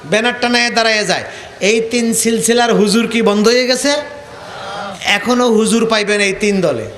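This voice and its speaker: A man with a high voice and a colloquial Bangladeshi accent preaches a sermon. He tells stories and mocks the people in them by acting out their lines. The room echoes, with a faint hiss of noise behind him. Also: moderate pace, fairly bright tone. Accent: colloquial Bangladeshi Bengali. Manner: storytelling with acted dialogue and mockery.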